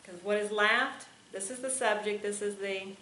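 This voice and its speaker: A woman's voice: medium pitch, fairly even intonation, moderate pace, pushed and bright. A woman, a homeschooling mother, patiently asking her son grammar questions. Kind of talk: teaching her child grammar. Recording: echoey room.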